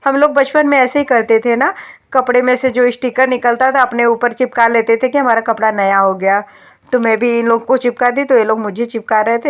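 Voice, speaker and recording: Woman, 30s, casual home vlog narration, sore throat, slightly high pitch, talks to viewers like friends. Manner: chatty, addresses viewers as friends. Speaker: vlogger.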